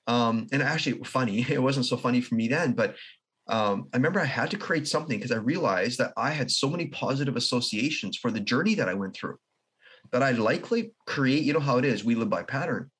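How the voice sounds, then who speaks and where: A man who is a guest in an interview, telling a long personal story in an earnest, halting way with restarts and soft laughs. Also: medium pitch, expressive, breathy edge. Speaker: podcast guest.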